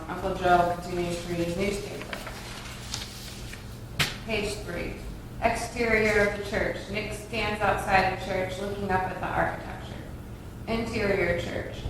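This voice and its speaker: Steady and measured, a woman at a table read narrates the scripted stage directions in a medium-pitched voice. Her voice reverberates around the room, picked up by a faraway mic with faint noise.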